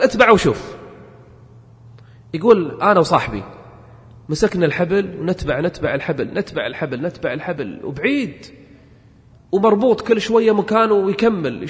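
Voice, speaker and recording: A man preaching in a high, ringing voice. He tells stories and then presses his point hard, repeating phrases as he builds to a forceful call. His voice carries a long reverb, as if in a large hall. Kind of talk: sermon with retold stories.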